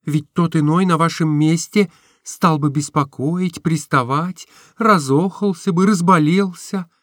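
Breathless lovestruck young woman in a classic novel read aloud, high and dry, played by a man. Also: unhurried, a bit bright, dry recording. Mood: gushing. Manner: breathless, emotional, rising exclamations. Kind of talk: audiobook reading.

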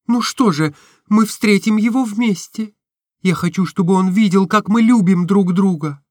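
Breathless lovestruck young woman in a classic novel read aloud, high and dry, played by a man. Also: moderate pace, no room sound, lightly acted. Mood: eager. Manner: breathless, emotional, rising exclamations. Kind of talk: audiobook reading.

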